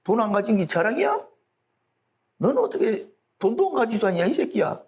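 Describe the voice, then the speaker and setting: A man's voice: high voice, sing-song, brisk, darkish tone, pitched above the performer's own voice. A man doing a cursing street thug. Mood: menacing. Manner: coarse, cursing, threatening. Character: swaggering young male street thug extorting kids.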